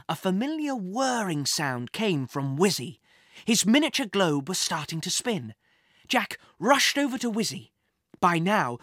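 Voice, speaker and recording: Woman narrator, children's story, lowish voice, lively expressive reading, dry close sound. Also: dry recording. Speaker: audiobook narrator.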